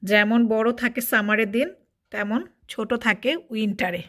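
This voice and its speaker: A woman's voice: medium pitch, steady tone, normal speed, fairly bright tone. A woman vlogging from her home, filming out a window with a phone and talking in a chatty way that repeats itself and mixes in English words. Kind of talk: casual vlog narration.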